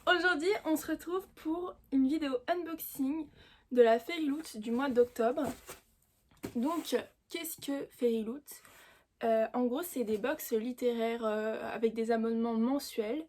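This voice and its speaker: A woman with a high, light voice talks casually through a book-box unboxing for her channel. She chats freely and fills her pauses with hesitant little fillers. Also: a little mellow. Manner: chatty, full of hesitant fillers. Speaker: booktube host.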